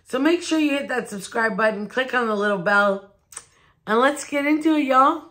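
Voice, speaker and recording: A woman's voice: high-pitched, animated, normal speed, fairly bright tone. A woman chatting casually to camera at home, rambling and restarting her sentences. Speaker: DIY vlogger. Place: new home, indoors. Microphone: phone on a ring light.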